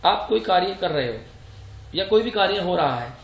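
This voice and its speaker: A male grammar teacher with a fairly high, gravelly voice, recorded in an echoey room. He explains step by step for exam prep, asking rhetorical questions and answering them himself. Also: expressive, moderate pace, a bit bright. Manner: poses rhetorical questions and answers them, repeats example sentences.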